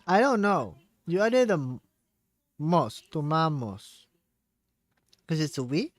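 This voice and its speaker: Slow-paced but very animated, a man with a somewhat high voice and no echo vlogs as he practices Spanish. The dry recording captures him thinking out loud, hesitant and self-deprecating, laughing off his errors.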